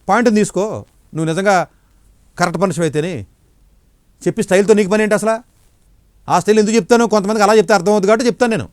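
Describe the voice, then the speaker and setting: A middle-aged man, an education counselor, giving blunt, forceful answers in an interview. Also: high voice, dry recording, studio quality.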